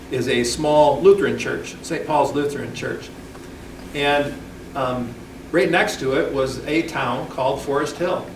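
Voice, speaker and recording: A middle-aged man giving an informal local history talk, rambling with many ums and restarts. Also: on the high side. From Michigan. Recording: echoey hall, distant mic, background noise.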